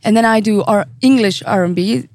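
A woman's voice: medium pitch, a little fast, darkish tone, dry recording. A woman, a singer talking casually as an interview guest, with many fillers and restarts. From Switzerland. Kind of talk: casual chat.

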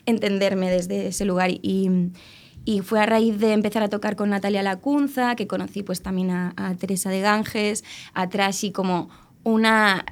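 A young musician from Alicante, Spain, is interviewed in a casual chat. She talks in a rambling way, full of fillers and restarts, with a mid-range voice, a steady tone and a moderate pace.

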